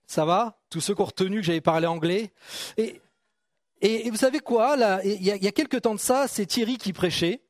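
A man's voice: high voice, brisk, no room sound, studio quality. A man preaching a sermon in a casual, joking way, with frequent restarts and questions to the congregation. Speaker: pastor.

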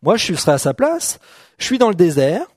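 A man's voice: high voice, big pitch swings, fairly quick, darkish tone, no room sound, clean studio sound. A middle-aged man preaching a sermon to a congregation in a conversational way, often checking in with "d'accord?" and joking with people in the room. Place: church hall.

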